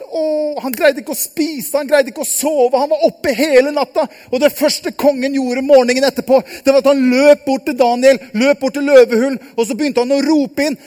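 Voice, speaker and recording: A man telling a Bible story live to children, lively and asking them questions. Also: very high-pitched, hardly any pauses. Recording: long hall reverb.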